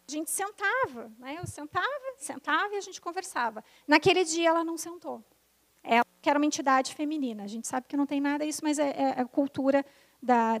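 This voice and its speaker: A young adult woman sharing her personal conversion testimony, animated and emotional, acting out the voices of people in her story. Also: high voice. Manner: animated storytelling, acts out quoted dialogue; emotional, intensifying at the climax.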